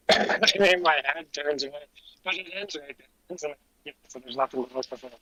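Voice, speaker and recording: A man's voice: a little high, normal speed, crowd noise, poor audio. A man talking casually in short conversational remarks. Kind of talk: casual chat.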